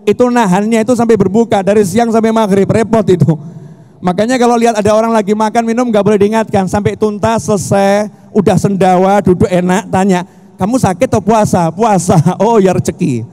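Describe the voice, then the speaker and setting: A middle-aged man preaching a sermon at a festival, telling stories with jokes and shouting for emphasis. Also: high-pitched, fairly quick. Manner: animated, joking storytelling with shouted emphasis. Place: large hall at a religious festival. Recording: long hall reverb.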